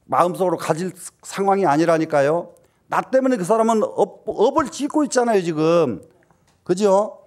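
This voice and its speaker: A Buddhist teacher with a high-pitched voice gives a dharma talk, often posing questions to his audience and then answering them himself. His delivery swings between emphatic rises and soft, dropped asides.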